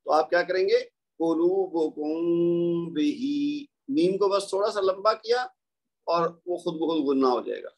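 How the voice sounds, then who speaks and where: With a Pakistani Urdu accent, a man teaches a recorded lesson patiently and explanatorily, often pausing to recite examples slowly. His voice is high and animated.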